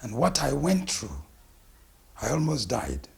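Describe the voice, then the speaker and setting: A middle-aged man from Ghana with a Ghanaian accent, a naturopathic physician introducing himself and his work in a deliberate, emphatic way. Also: mid-range voice, wildly swooping pitch, creaky, breathy edge. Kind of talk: self-introduction interview.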